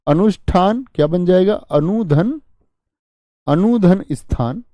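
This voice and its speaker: Male teacher, live online lesson, patient, repeats key words, slightly high voice, dry close sound. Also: expressive, takes it slowly, no echo, dull audio.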